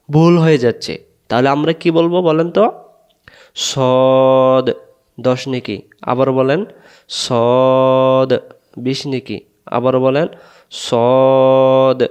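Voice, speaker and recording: A man's voice: mid-range voice, a little mellow. A man teaching Arabic letter pronunciation for Quran reading, patiently drilling syllables and asking learners to repeat after him. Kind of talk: slow letter-by-letter recitation lesson.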